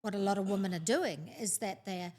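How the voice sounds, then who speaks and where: A middle-aged woman from New Zealand, co-hosting a casual talk show and telling stories in an animated, chatty way. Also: mid-range voice, a little fast. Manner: animated storyteller, chatty and expressive. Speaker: podcast co-host. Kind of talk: casual chat.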